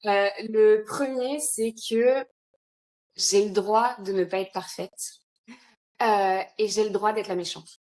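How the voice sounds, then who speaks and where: A woman in a casual podcast conversation, talking about her work in a lively, chatty way with frequent fillers and laughs. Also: medium pitch, slow pace. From France. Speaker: founder of an entrepreneur retreat, podcast guest.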